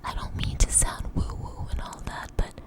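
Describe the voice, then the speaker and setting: A woman whispering very close to the mic in an ASMR style, breathy with soft mouth sounds, rambling gently and reassuringly. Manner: slow, unstructured, reassuring. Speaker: ASMR video host.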